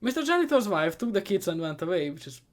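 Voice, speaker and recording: Sarcastic high-voiced man recapping a movie. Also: very animated, fast. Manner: sarcastic, profane and rambling, often trailing off into quieter asides. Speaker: movie reviewer. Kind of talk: comedic movie recap commentary.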